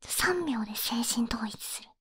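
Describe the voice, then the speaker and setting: A woman's voice: a little high, expressive, measured pace, slightly rough, no echo, exaggerated voice. A woman in a whispered role-play, voicing a clumsy girlfriend who boasts in a hesitant, bashful, earnest way. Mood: flustered, boastful.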